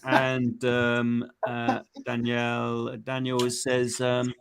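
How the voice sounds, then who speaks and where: A man's voice: mid-range voice, monotone, drawn-out words, gravelly. A man hosting a group challenge in casual chat, putting questions in a chummy, prompting way and repeating his phrases.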